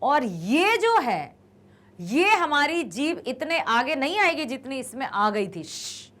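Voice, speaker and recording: Lively high-voiced woman teaching. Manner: explains patiently, repeats words slowly. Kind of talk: classroom grammar lesson.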